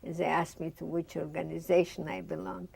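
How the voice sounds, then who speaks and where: Talking fairly quickly, an older woman from Bessarabia with a Russian accent tells her life story in a seated oral history interview in a studio with a dark curtain backdrop, acting out dialogue from memory. Her voice is lowish, darkish, and slightly rough, with vocal fry and little pitch movement.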